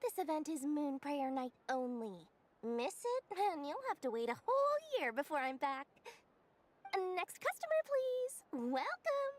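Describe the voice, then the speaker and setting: Very high-pitched, wheedling merchant clerk. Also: female voice, very animated, a little slow. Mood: salesy, eager. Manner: theatrical sales patter. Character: wheedling, money-loving female festival game merchant. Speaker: stall merchant serving customers like a sales clerk. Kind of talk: video game voice acting. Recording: background music.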